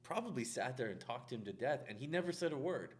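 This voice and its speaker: A man's voice: medium pitch, very animated, fast talker. A man who is a contractor, co-hosting a podcast in casual chat, talking in a loose, rambling way. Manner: loose, rambling, full of "like" fillers.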